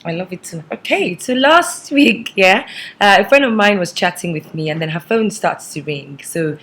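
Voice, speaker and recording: Hoarse Nigerian woman vlogger, voice swallowed. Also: medium pitch, lively intonation, moderate pace, a bit bright. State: hoarse, partly lost voice. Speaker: vlog host. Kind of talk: casual chatty vlog monologue.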